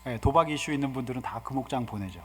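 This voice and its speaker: A man in his fifties, a guest pastor preaching a sermon, swinging from soft asides to loud exhortations. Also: mid-range voice, fast, slight background noise. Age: 50s. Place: church sanctuary. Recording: hall reverb in a church.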